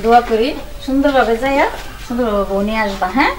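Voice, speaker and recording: A woman plays a doting village mother in a rustic folk drama. She speaks quickly and fussily in a slightly high voice, heard from a distance with faint noise. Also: music in the background, lightly acted. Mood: fussy. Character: village mother blessing her son, fussy and doting. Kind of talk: rural Bengali folk drama acting.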